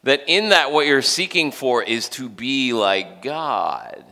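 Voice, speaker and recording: A man's voice: mid-range voice, slow pace. Conversational man preaching in an echoing hall. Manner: conversational, swings from animated to hushed. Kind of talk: sermon.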